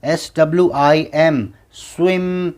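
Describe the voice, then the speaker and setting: Male phonics teacher, slightly high voice, very slow and patient, spells out words and repeats them. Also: fairly even intonation, a little mellow. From India. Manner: spells words letter by letter, repeats each word slowly. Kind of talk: slow classroom lesson.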